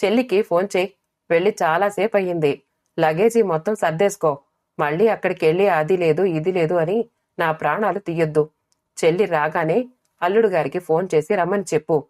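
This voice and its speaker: A woman's voice: a little fast, a little mellow, lightly acted. A woman voicing a scolding, fretful mother. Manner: scolding, shrill when angry. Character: worried scolding middle-aged mother.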